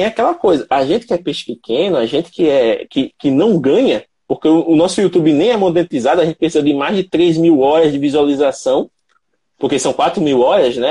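A Brazilian man hosts a live stream in a fairly high, husky voice. He talks emphatically and often stops to ask rhetorical questions. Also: dark tone. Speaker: host of a mobile photography channel.

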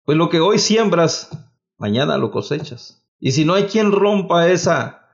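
A man's voice: on the high side, animated, a little slow, creaky, lo-fi sound. Fervent male preacher exhorting his listeners.

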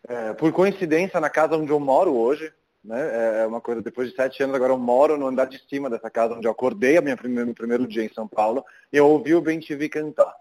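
A man, a podcast guest speaking Portuguese in a relaxed, reflective phone chat full of fillers. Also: mid-range voice, quick pace, poor audio. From Italy. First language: Italian. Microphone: phone call.

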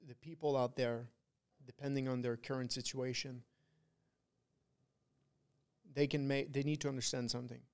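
A man's voice: mid-range voice, flat delivery, brisk, clear, resonant tone. A man talking like a frat bro in a casual motivational podcast chat, emphatic and preachy, repeating his points for weight. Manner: frat-bro talk, peppered with bro, dude and swearing; emphatic, repetitive, preachy pep talk. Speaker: podcast guest, trader who runs a trading community.

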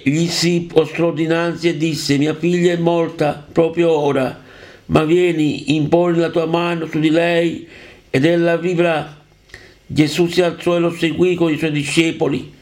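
A man reading scripture aloud in an earnest, halting way, often stumbling over words and starting them again. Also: fairly high pitch, darkish tone.

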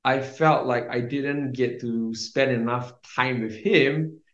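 A young man tells his story with lots of "like" and "um", stopping and restarting as he goes. His voice sits at a middling pitch and sounds roomy, with a dull, lo-fi sound. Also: slow, a bit bright. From Singapore. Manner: rambling, many fillers and restarts, laughs often. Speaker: guest. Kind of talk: casual testimony.

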